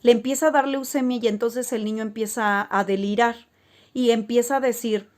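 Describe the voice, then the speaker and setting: A woman's voice: a little high, fairly even intonation, brisk, darkish tone. A woman casually telling stories to her viewers, rambling with frequent fillers and restarts. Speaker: spiritual vlogger. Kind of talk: casual storytelling to camera.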